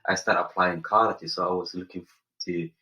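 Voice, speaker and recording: A young man from Somaliland, a college senior, answering interview questions earnestly and often pausing to search for words. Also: low voice, fairly even intonation, bright, forceful tone, lo-fi sound. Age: young adult.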